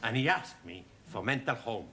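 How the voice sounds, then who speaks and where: An actor playing a cheery, conspiratorial language student with a Spanish accent and broken English in a sitcom. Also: male voice, mid-range voice, expressive, moderate pace, bright, forceful tone. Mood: earnest. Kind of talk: sitcom acting. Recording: noisy 1970s television studio soundtrack.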